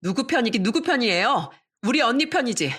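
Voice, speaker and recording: A woman voicing a fiery, loyal younger sister-in-law who talks back loudly and defiantly. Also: fairly high pitch, sing-song, fairly quick, husky, voice pushed up, exaggerated voice. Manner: loud, defiant.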